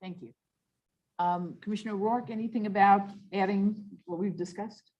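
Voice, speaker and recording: A woman chairing a commission meeting, steering the discussion and reading proposed wording out slowly and carefully. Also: medium pitch, fairly even intonation, muffled recording. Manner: methodical, reads wording out slowly. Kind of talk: leading a public meeting. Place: meeting room.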